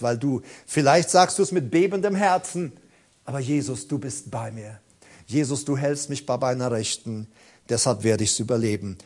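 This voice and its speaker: A man preaching a sermon with fervor, repeating phrases for emphasis and swinging from quiet, intimate words to loud cries while addressing his congregation directly. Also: medium pitch.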